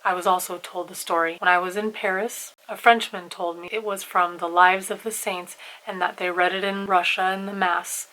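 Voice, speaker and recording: A woman reading the lines of a proud educated gentleman, haughty and dismissive. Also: fairly low pitch, flat delivery, normal speed, few pauses, poor audio.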